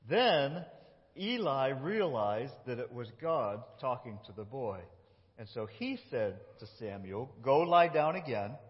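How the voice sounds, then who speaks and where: A pastor telling a Bible story during a sermon, acting out its lines with animated voices and directing children who act it out. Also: male voice, mid-range voice, slow. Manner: animated, reads dialogue in lively voices. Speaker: lead pastor. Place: church sanctuary. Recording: muffled, echoey church hall.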